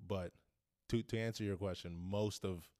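A young man, a rapper and producer, answering interview questions in a relaxed, rambling way with restarts. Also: deep voice, moderate pace, no echo, clean studio sound.

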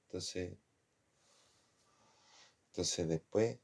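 A man's voice: low voice, drawn-out words, vocal fry, a little mellow, husky. A man with a Chilean accent telling a personal story from his design studies in a rambling, slangy way, often calling the listener "compadre". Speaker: former design student.

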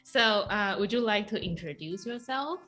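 Woman podcast host, bright crisp voice, lots of mm-hmm and laughing, faint music. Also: mid-range voice, expressive. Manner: quick backchannels, laughs easily. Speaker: podcast host and Mandarin teacher. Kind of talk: casual interview chat.

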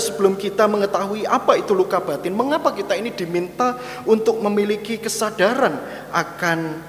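A man giving a sermon-style teaching talk, conversational, often turning to address his listeners directly. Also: sits high. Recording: echoey hall with faint hum.

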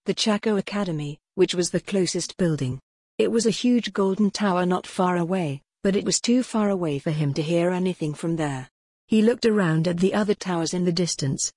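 A woman narrating a children's storybook in a steady, even reading voice, giving the characters quiet voices. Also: fairly low pitch, moderate pace, husky, no room sound. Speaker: audiobook narrator.

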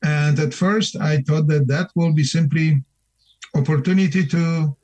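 A middle-aged man from Poland with a Polish accent, a new deacon calling in to a radio interview, speaking in an earnest, measured, plain-spoken way. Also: on the high side, steady tone, darkish tone, rough recording. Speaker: newly ordained deacon, guest.

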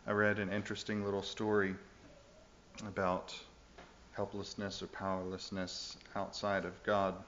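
A male pastor preaching in a lowish voice, earnest and emphatic. He presses home his points with direct questions to the congregation. The recording is dull and lo-fi, with a faint hiss. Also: monotone, moderate pace, fairly bright tone. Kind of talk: sermon.

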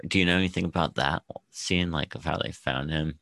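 A man's voice: extremely low pitch, brisk, vocal fry, sharp tone, no room sound. A man co-hosting a podcast, talking in a laid-back way full of fillers and trailing thoughts. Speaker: podcast co-host. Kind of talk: casual chat.

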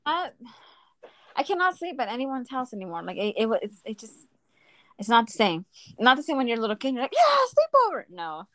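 Chatting animatedly as a podcast co-host, this woman in her thirties mixes Spanish phrases into casual conversation. Her slightly high, somewhat bright voice is expressive and a little fast, with long pauses, captured on a dry recording.

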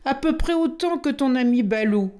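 A woman's voice: high-pitched, lively intonation, moderate pace, darkish tone, pitched above the performer's own voice. Bagheera, a woman doing a stern protective panther. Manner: scolding, exasperated.

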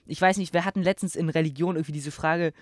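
A man's voice: fairly high pitch, fairly even intonation, fast talker, no echo, studio quality. A teenage boy co-hosting a casual podcast, full of slang and laughter. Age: teens. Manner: slangy, says "Digga" often, laughs a lot. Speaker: podcast co-host.

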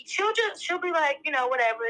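Young woman guest, bright edge to the voice, candid and emotional, rapid bursts. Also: high voice, big pitch swings, poor audio. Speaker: podcast guest. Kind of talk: casual chat.

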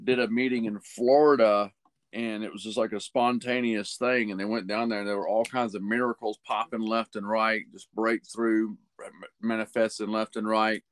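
Low-voiced male podcast co-host, earnest and casual, dry close sound. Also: little pitch movement, normal speed, no echo. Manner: earnest, loose, many fillers. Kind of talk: casual faith chat.

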